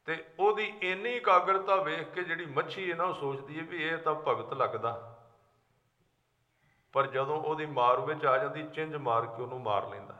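A man's voice: fairly high pitch, moderate pace, pushed and bright. A man giving a sermon who explains scripture verses line by line with everyday examples. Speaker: Sikh preacher. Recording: echoey hall, dull lo-fi sound.

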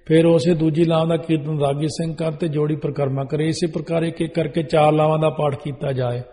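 A man's voice: a little high, flat delivery, fairly quick, mellow, long reverb tail. A man preaching a religious sermon, laying out rules one by one and reciting scripture verses in a chanting cadence. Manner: instructive, rule-listing delivery. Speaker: Sikh preacher. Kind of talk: religious sermon on wedding rites.

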